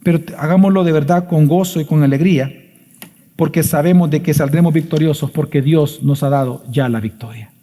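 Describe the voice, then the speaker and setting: A pastor preaching with emphatic rhetorical questions, his voice fairly high but mellow in tone. A long church reverb trails after each phrase, and his voice sinks low at the ends of points. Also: fairly quick. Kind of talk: sermon.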